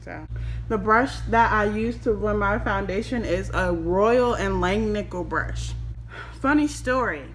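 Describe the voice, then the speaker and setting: A woman's voice: medium pitch, measured pace, a little hiss or hum, rough recording. A woman in her twenties chatting casually to camera in a giggly, tipsy ramble, as a makeup vlogger. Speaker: vlogger giving a makeup tutorial. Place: small room at home, indoors.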